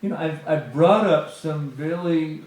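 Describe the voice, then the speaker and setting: With an unhurried delivery and a darkish, somewhat high voice, a middle-aged man speaks as a guest at a temple satsang. His spiritual talk is conversational and peppered with "you know," and the hall is very echoey.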